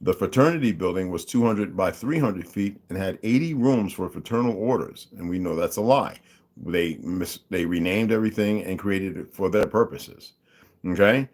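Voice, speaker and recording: Here a man with a low-pitched, darkish voice talks at normal speed. As host of his channel, he lays out his views casually, tossing in emphatic, mocking remarks, listing figures aloud, and inviting the audience to follow along.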